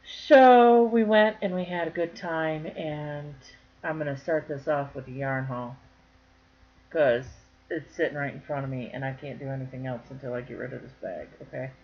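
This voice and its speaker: A woman's voice: deep voice, normal speed. Lady chatting to her camera about crafts, folksy and jokey, kinda muffled lo-fi sound. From northern Michigan. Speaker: crochet vlogger. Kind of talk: casual chat to camera.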